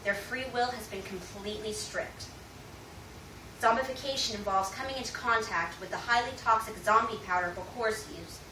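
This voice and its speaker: Addressing an audience indoors, a woman from the United States delivers a prepared, informative talk with a formal, rhetorical presenting style. Recorded from a distance in an echoey room with loud noise, her medium-pitched voice moves at normal speed.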